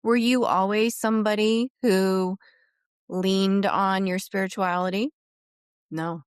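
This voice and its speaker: A middle-aged woman hosting a podcast, asking questions and sharing thoughts in a soft, reflective, encouraging way. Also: medium pitch, fairly even intonation, slow, clear, resonant tone, dry recording, clean studio sound. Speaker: podcast host. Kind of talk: interview conversation.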